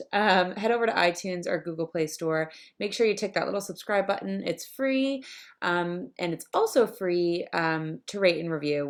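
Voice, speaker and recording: A woman's voice: lowish voice, gravelly. A woman hosting a podcast, chatty and upbeat, with frequent ums. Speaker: podcast host. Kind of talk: casual podcast chat.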